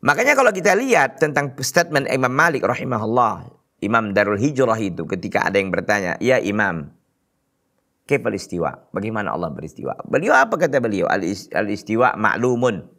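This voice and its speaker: A man's voice: fairly low pitch, sing-song, brisk, a bit bright. A man with a North Sumatran Indonesian accent giving an Islamic study lecture, reciting Arabic phrases, then translating them and asking rhetorical questions. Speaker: religious teacher.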